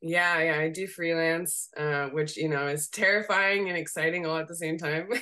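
Speaking at normal speed in a low-pitched voice that's a bit raspy today, a young Seattle woman who works as a graphic designer chats as a guest over video call from her home room. The interview is casual, and she stays relaxed and candid, laughing a lot as she goes.

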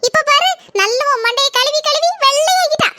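A woman's voice: extremely high pitch, fairly quick, pushed and bright, pitched above the performer's own voice. A woman with a Kanyakumari Tamil accent voicing a mocking, bragging young sister-in-law in a cartoon. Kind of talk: cartoon voice acting.

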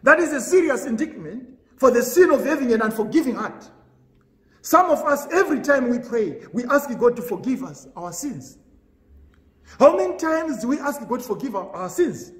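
A man preaching a sermon as pastor, earnest and measured, pausing between phrases. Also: very high-pitched, expressive, reverberant.

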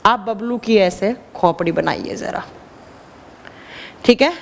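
A woman teacher giving an animated classroom lecture, quizzing her students and answering her own questions. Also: medium pitch, slow pace, gravelly, big-room sound. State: dry throat.

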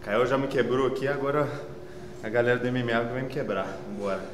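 A Brazilian man speaks casually, like an instructor showing a class some moves. His voice is mid-pitched and comes from a distance, in a very echoey training gym. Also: brisk, background noise. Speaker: jiu-jitsu instructor, athlete. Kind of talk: casual talk and demonstration. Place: large indoor training gym. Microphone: far camera.

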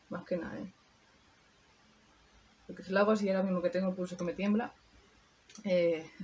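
A woman's voice: lowish voice, a little mellow, a little hiss or hum. A woman talking viewers through a makeup tutorial in a chatty way, thinking aloud as she works. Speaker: beauty vlogger. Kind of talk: casual makeup tutorial chat.

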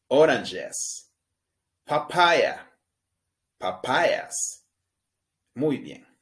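A man with a Latin American Spanish accent teaching a basic English lesson, stressing each English word slowly and carefully so learners can repeat it, and often checking in with the class. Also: on the low side. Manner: patient, pronounces English words slowly and emphatically for repetition. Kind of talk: language lesson with repetition drills.

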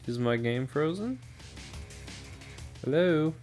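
A man's voice: a little high, lively intonation, slow pace, a little mellow, soft background music. A man giving casual gameplay commentary, rambling with dry sarcastic asides. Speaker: gaming video creator.

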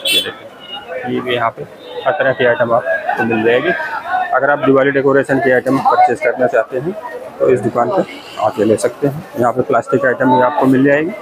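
A man's voice: mid-range voice, fairly even intonation, normal speed, a loud crowd. A man narrating a walking tour of a crowded outdoor market, pointing out shops to his viewers. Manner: points things out to viewers, repeats "look here". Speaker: vlogger giving a market tour. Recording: loud street noise behind the voice.

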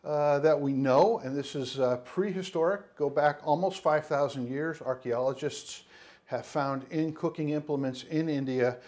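A man's voice: on the high side, normal speed, a little mellow. A man in his fifties, a spice shop owner, giving a casual cooking demonstration in a studio kitchen on a lapel mic, full of fillers and restarts. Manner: rambling, many fillers and restarts. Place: studio kitchen set, indoors.

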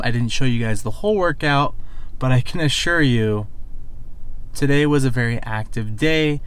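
Earnest man with a smooth, clear voice. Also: medium pitch. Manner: earnest, motivational, preachy. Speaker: weight-loss vlogger and coach. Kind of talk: casual talk to camera. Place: parked car at night. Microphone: camera on the dashboard, close framing.

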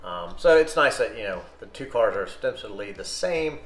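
A man reviewing model cars from his collection in a casual, unscripted way, relaxed and hesitant with many ums and uhs. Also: fairly low pitch, normal speed. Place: room indoors, hands on a table with models. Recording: echoey room.

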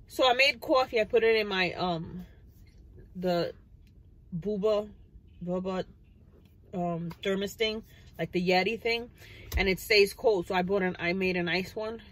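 A woman's voice: mid-range voice, slow pace, long pauses, low-quality recording. A woman in her thirties talking casually from inside her car, rambling with plenty of fillers. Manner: chatty, rambling, many fillers. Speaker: vlogger. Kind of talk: casual chat. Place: parked car, indoors. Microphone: phone camera on the dashboard.

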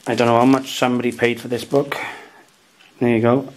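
A man's voice: medium pitch, little pitch movement, fairly quick. A Welsh man in his thirties, an antiques dealer, chatting casually at home about his market buys and sprinkling "um" and "guys" through his tips. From Wales. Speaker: antiques dealer and channel host. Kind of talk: casual show-and-tell vlog. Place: dining room at home, indoors.

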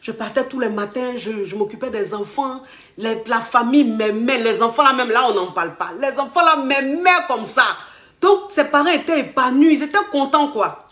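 A woman telling her life story in casual, animated speech, quoting the people she met. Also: on the high side, moderate pace. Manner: animated retelling with acted quotes. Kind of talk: personal storytelling. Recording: echoey room.

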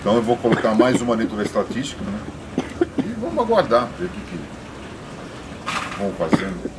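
A man's voice: mid-range voice, wildly swooping pitch, brisk. A man in his fifties with a São Paulo Brazilian accent, a restaurant owner earnestly explaining to a reporter outdoors, rambling with restarts. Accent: Brazilian Portuguese, São Paulo. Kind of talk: on-the-spot interview. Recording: noisy outdoor field recording.

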